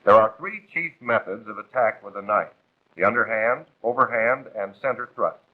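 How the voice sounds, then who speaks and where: Formal and authoritative, an American man with a lowish, rough-edged voice reads scripted 1940s training narration, giving step-by-step instructions at normal speed. The vintage film soundtrack is thin, band-limited, narrow and tinny.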